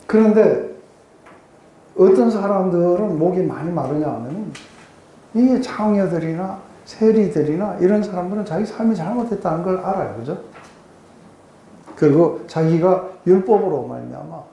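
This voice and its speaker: At a weeknight Bible study in an echoey room, a pastor with a high, soft-edged, very dark-toned voice and vocal fry explains a passage. His sermon is conversational and expository, full of rhetorical questions, and he keeps checking that the group is following.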